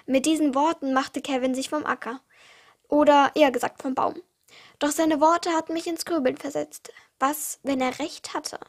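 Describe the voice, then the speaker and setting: A woman's voice: high voice, fairly even intonation, normal speed. A teenage girl reading her own short stories aloud for her podcast, with small slips and restarts. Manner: reads with small slips and restarts, uneven pace.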